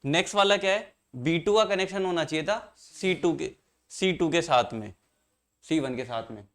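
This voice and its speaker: A man's voice: fairly high pitch, normal speed. A man teaching an engineering class, explaining circuits step by step and quizzing his students as he goes. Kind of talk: classroom lecture.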